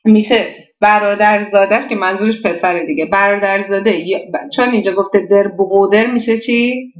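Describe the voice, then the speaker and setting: A woman's voice: mid-range voice, roomy sound, muffled recording. A woman teaching a language lesson, explaining an exercise step by step and often asking and answering her own questions. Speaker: German teacher.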